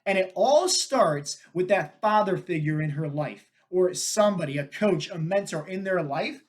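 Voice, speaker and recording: A man with a fairly high voice hosts a fitness podcast, speaking straight to his listeners. He tells stories in a loose, energetic way and keeps checking in with "right?" and "like". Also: normal speed. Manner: energetic, talks to listeners with frequent "right?" and "like" fillers. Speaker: podcast host and fitness coach. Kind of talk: casual storytelling monologue.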